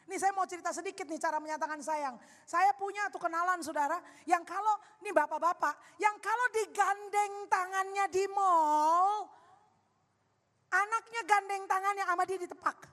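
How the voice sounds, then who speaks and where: A woman pastor, preaching a sermon loudly and with animation, adding playful asides. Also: very high-pitched, moderate pace. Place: large church hall. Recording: long hall reverb.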